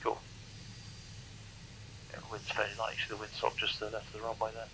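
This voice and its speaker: A British man working as a flight instructor, giving calm, encouraging step-by-step instructions and chatting casually over a cockpit headset. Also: lowish voice, fast. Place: small aeroplane cockpit in flight and taxiing. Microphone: aviation headset. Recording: noisy cockpit intercom with engine hum.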